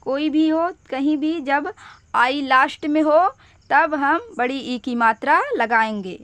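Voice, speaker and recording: A woman teaching spelling step by step, patient and repeating each point slowly. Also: high voice, a bit bright, no room sound.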